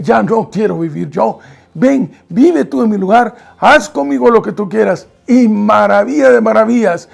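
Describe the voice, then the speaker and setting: A man's voice: high voice, gravelly, a little mellow, slightly rough. A man preaching a sermon in earnest, reading scripture aloud and stopping to explain it.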